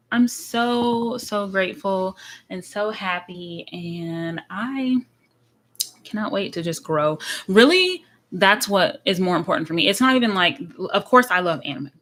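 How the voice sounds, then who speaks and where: A woman's voice: on the low side, fairly bright tone. Chatty bubbly Texas woman, late twenties. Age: late 20s. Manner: chatty, bubbly, many repeats of so and like. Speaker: anime reaction streamer. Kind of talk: casual livestream chat. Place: at home in front of a camera.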